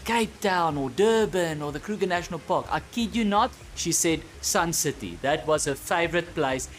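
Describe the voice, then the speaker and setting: A man with a South African accent telling a stand-up comedy story, loose and animated with a lot of swearing. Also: fairly high pitch, moderate pace.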